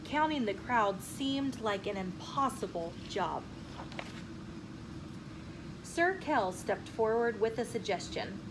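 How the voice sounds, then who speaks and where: Inside a bookstore, a woman who hosts a channel reads a children's picture book aloud, her voice on the high side. She tells the story in an animated, deliberate way and acts out the dialogue. The room is clearly noisy, with ambient sound.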